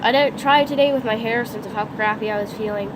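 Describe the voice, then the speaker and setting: A teenage girl with a fast, fairly high voice vlogs unscripted on her phone camera beside a lake during a lightning storm, rambling and saying "like" constantly. She's congested, sniffly and has a sore throat, and the outdoor recording picks up background noise and thunder.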